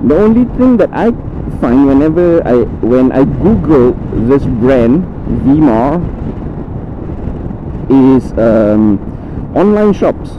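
A man talking casually while riding a motorcycle, speaking inside a full-face helmet, rambling with halting restarts and fillers. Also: mid-range voice, big pitch swings. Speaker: motovlogger reviewing a helmet. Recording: muffled lo-fi audio with road and wind noise.

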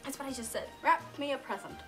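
A woman's voice: sits high, animated, fast, loud music behind the voice. A young woman guest in casual, teasing banter with her friend. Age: young adult. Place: indoors in a decorated room.

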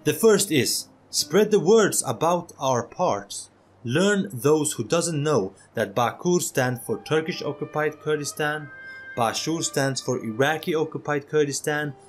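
A man hosting an opinion video as a voice-over, earnest and persuasive, speaking straight to his viewers. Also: fairly high pitch. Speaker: channel host.

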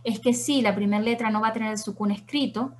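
A woman with a slightly high voice gives a patient, explanatory lesson. She walks through each rule step by step and keeps checking in with her listeners. She slows right down to repeat her examples. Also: fairly even intonation. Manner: patient, checks in with "¿ok?" and "¿verdad?" often, repeats Arabic examples slowly. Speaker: Quran recitation teacher.

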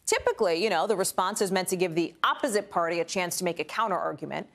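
A woman anchoring a live news show, presenting stories in a brisk, conversational and chatty way. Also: lowish voice, fairly bright tone.

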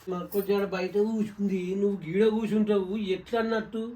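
Telangana man, village sketch, rapid insistent nagging, mic set back. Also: sits high, steady tone, mellow, distant mic. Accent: Telangana Telugu. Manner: scolding, insistent, rapid talk. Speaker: younger brother and husband in a family sketch. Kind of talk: scripted village comedy sketch.

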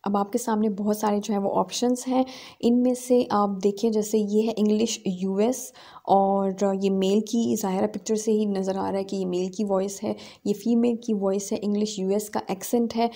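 Mellow-voiced woman explaining software steps. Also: mid-range voice, level tone, moderate pace. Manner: explains step by step with fillers. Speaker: tutorial host. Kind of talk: screen-recorded software tutorial.

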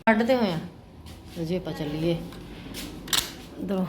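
A woman's voice: fairly low pitch, takes it slowly. A woman chatting casually to viewers in a daily home vlog, often checking in with little tag questions. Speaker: home vlogger and mother. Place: around the house, partly outdoors. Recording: noisy handheld home recording.

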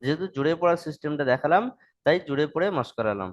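A man teaches an online class, stretching each word of the prayer out in long chanted tones. Between recitations he explains the pronunciation quickly and plainly. His fairly high voice comes through slightly dull, lo-fi audio. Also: lively intonation. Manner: slow drawn-out chanting of the prayer.

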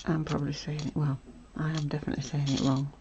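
A woman hosting a casual stitching tutorial, chatty and self-correcting, often dropping to a soft murmur as she works. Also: deep voice, little pitch movement, fast talker, noisy background. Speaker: sewing tutorial host.

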